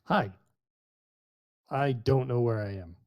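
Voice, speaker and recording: Mellow-voiced male tabletop player. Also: mid-range voice, slow pace. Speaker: player in a tabletop role-playing game. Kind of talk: casual improvised role-play chat.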